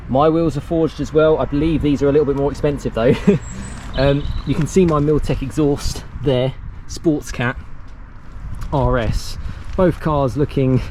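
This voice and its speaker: A man's voice: mid-range voice, noisy background. A young man giving a casual walkaround car review outdoors, chatty and loose, laughing between lines. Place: outdoors beside cars.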